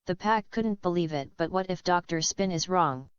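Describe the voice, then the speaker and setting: A woman narrating a fan-made cartoon story in a plain, halting reading style, on a dull lo-fi recording. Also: fairly low pitch, clean tone, no echo.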